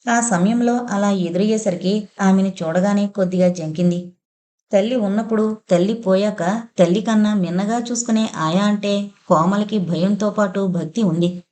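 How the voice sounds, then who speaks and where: A woman narrating a novel in an even storytelling voice. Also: mid-range voice, normal speed. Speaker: audiobook narrator.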